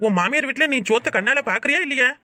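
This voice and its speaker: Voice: high voice, lively intonation, very fast, pushed and bright, no echo, studio quality, full character voice. A performer voicing a peacemaking older father in a cartoon, speaking with a Kanyakumari Tamil accent. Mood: placating. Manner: pleading, placating. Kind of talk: cartoon voice acting.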